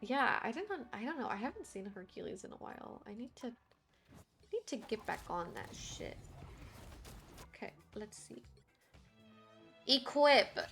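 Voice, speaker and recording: A young woman livestreaming a game, chatting casually and excitably, quick to giggle and squeal. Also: fairly high pitch, creaky, faint music behind. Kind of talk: casual gameplay commentary.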